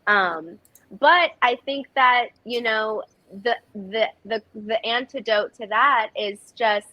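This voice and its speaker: A woman's voice: on the high side, takes it slowly, dry recording, lo-fi sound. A woman actress giving earnest, reflective interview answers with frequent restarts. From United States. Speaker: actress, guest.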